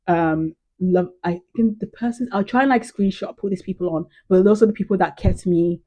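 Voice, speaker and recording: A woman's voice: lowish voice, fairly quick, mellow. A young British woman chatting casually to camera as a vlogger, gushing and full of "like" and "um". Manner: chatty, gushing, heavy use of "like" and "um".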